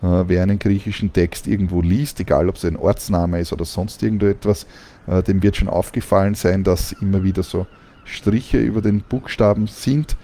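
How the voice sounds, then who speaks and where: Low gravelly man explaining pronunciation. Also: moderate pace. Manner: calm, explanatory, with frequent fillers. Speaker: language teacher.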